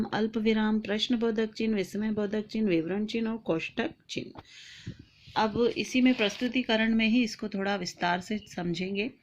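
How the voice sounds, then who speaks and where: A woman in a teaching role dictates a lesson plan, one point after another. Her voice sits at an everyday pitch, and she keeps a steady, methodical pace. Faint background noise runs under the recording. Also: lo-fi sound. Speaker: teacher trainer.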